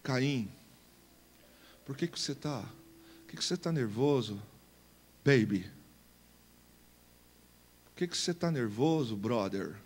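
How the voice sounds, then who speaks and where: A Brazilian pastor voicing God as a gentle, fatherly figure who speaks softly and in casual slang. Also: very high voice, moderate pace, heavily acted. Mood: gently coaxing. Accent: Brazilian Portuguese. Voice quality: soft and calm, street-casual slang. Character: gentle, fatherly God coaxing a sulking man. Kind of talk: acted quotation within a sermon.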